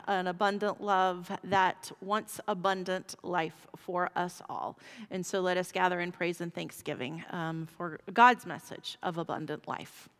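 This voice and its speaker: Bright-voiced woman pastor in a reverberant sanctuary. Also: mid-range voice, smooth. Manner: emotional, laughing, voice catching. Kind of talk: church announcements and call to worship. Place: large church sanctuary. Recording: long reverb of a large sanctuary, far from mic.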